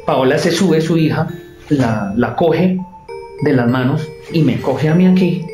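Speaking a little slowly in a fairly high voice, a male theater director recounts past events in an interview, animatedly performing the voices of the people involved. The room is echoey, and soft music plays behind him.

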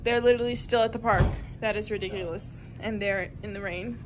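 A young woman vlogging at a party, giggly and playful, quick to joke. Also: medium pitch, steady tone, over loud music. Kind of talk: casual vlog chat. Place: at a house party, indoors and out.

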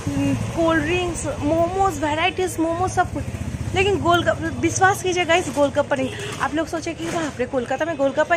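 A woman in her thirties, a vlogger, talks into a phone held at arm's length as she walks a busy city street at night, worn out from all the walking. Her voice is high-pitched, and loud traffic and crowd noise fill the recording.

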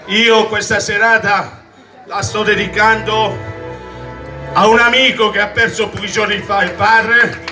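A man giving a halting, emotional, declamatory speech to an audience from an outdoor stage. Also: sits high, flat delivery. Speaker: amateur stage performer. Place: outdoor festival stage at night. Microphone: handheld PA microphone, recorded from the audience. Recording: distant phone, PA, music and crowd.

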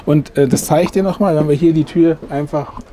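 Crowd noise surrounds a middle-aged sales manager as he briskly shows an interviewer through a camper van at a trade fair, recorded up close inside it. His intonation stays fairly even, and his pitch is loaded with "ähm."

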